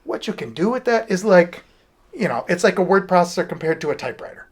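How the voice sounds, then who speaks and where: A middle-aged man, a music producer, chatting as an interview guest in an animated, rambling way with many restarts and asides. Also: high-pitched, quick pace, slightly rough. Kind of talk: casual interview talk.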